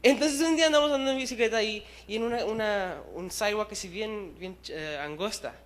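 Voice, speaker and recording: In a church hall, a twenty-something youth preacher from Chile gives a casual, brisk sermon built on stories. His voice sits high, and his delivery is lively and self-deprecating, sprinkled with English words.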